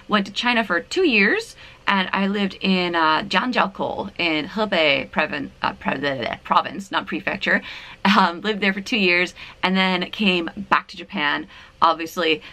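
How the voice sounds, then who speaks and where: A woman's voice: lowish voice, normal speed, bright, forceful tone. A woman in her thirties from Canada, chatting to the camera at home in a giggly, self-deprecating way. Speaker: vlogger. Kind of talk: casual chat to camera. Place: her apartment, indoors.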